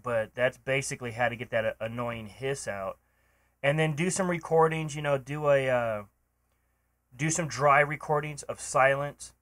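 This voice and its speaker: Speaking at a normal speed in a mid-range, fairly bright voice, this man rambles through a casual home recording tutorial using a cheap mic, full of ums and restarts. The room is a home space with a running computer and an open door.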